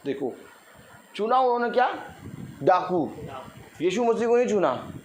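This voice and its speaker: A man's voice: high-pitched, very animated, measured pace, slight background noise. A middle-aged man preaching a sermon with congregation responses, acting out everyday people with playful mockery and laughter. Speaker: pastor.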